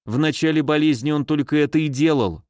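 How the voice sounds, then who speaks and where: A man's voice: fairly high pitch, brisk, darkish tone, no echo, clean studio sound, lightly acted. A man voicing a mannered, easily frightened female nurse in an audiobook. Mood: tipsy, chatty. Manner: mannered, fussy, shrieking when afraid.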